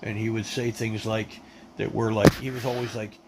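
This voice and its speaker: A man's voice: lowish voice, little pitch movement, moderate pace, very noisy. A man telling his life story in a casual, rambling way, full of restarts, blunt and emphatic. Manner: rambling, with many fillers and restarts. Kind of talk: casual spoken testimony.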